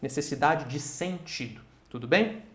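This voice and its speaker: A man's voice: a little high, moderate pace. A man giving a lecture, asking himself questions aloud and often checking in with his listeners. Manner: asks himself questions aloud and answers them. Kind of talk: recorded online lecture. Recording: roomy echo.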